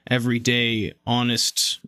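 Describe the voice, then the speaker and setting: A man's voice: medium pitch, monotone, a little slow, bright, forceful tone, clear, resonant tone, no room sound, clean studio sound. A man co-hosting a podcast, talking casually and enthusiastically, laughing often. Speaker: podcast co-host. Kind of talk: casual chat.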